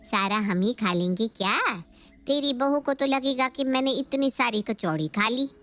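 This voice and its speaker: A gossipy neighbor woman in a cartoon story, voiced by a woman in a high register. She teases her friend freely and chatters about food. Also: animated, moderate pace, a bit bright. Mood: teasing. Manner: teasing, gossipy. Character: chatty greedy middle-aged woman neighbor.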